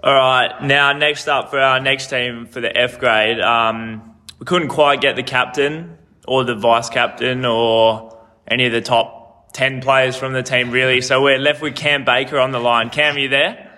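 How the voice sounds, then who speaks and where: A man's voice: medium pitch, steady tone, measured pace, sharp tone, long reverb tail. A man hosting a casual sports interview. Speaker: host interviewer.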